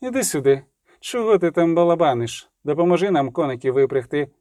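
A man voicing a brash young female bandit who shouts orders. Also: fairly high pitch, lively intonation, fairly quick, no echo, studio quality, close to an everyday voice. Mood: eager. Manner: shouting, bossy.

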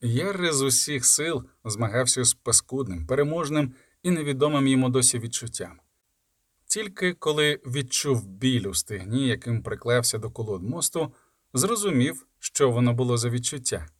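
A man narrates a fantasy audiobook in a steady storytelling voice. His pitch sits in the middle of the range. The recording is dry and close, with no room echo. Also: moderate pace. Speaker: audiobook reader.

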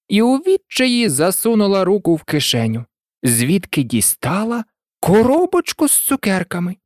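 Expressive storybook narrator. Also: medium pitch, no room sound, clean studio sound. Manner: expressive, swooping delivery. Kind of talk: storybook reading.

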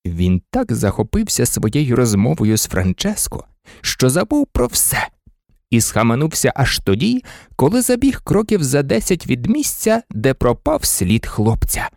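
Expressive storybook narrator, dry close sound. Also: medium pitch, measured pace, gravelly, no echo. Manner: expressive, melodic reading. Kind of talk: storybook reading.

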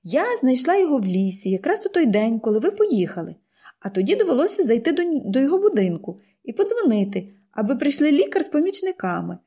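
Woman doing a young girl, eager, pleading, high voice, very lively pitch. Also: fast talker, husky, heavily acted. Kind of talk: audiobook character voice.

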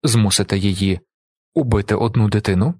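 A grave male ruler, as a reader voices him, holding his voice calm and restrained under pressure. The tone is husky and dry, close to the mic. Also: fairly low pitch, brisk, no echo, close to an everyday voice.

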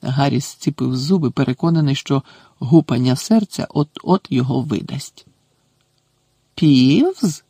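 Gravelly male audiobook narrator. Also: medium pitch, moderate pace, warm tone, no echo, studio quality.

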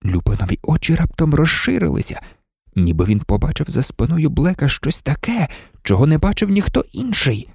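Animated male audiobook narrator. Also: on the high side, moderate pace, gravelly, husky, dry recording, clean studio sound. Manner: expressive, animated storytelling.

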